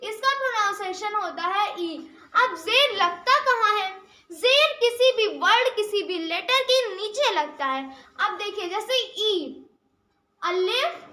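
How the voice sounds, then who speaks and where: Very high bright woman teacher, echoey room. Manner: asks a question and answers it herself, repeating key sounds slowly; mixes English words into Hindi. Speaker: Urdu teacher. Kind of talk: spoken tutorial explaining Urdu script.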